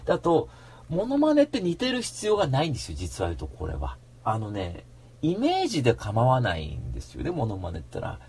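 Husky man, rapid chatter, lively swooping pitch, casual radio monologue, slangy mock-angry rants. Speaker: radio show host.

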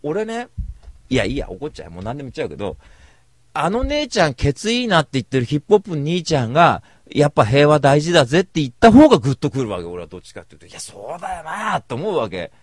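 A man's voice: fairly high pitch, huge pitch swings, racing, dry recording. A man rambling through a casual storytelling monologue, blunt and slangy, calling himself a cynic. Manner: slangy rough speech.

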